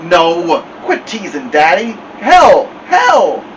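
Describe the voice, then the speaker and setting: A man's voice: a little high, lively intonation, takes it slowly, a bit bright, far from the mic, slight background noise, pitched above the performer's own voice, low-quality recording. A man reading aloud, voicing a young boy whose lips are frozen, crying and mumbling his words. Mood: pleading. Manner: wailing, mumbled pleas.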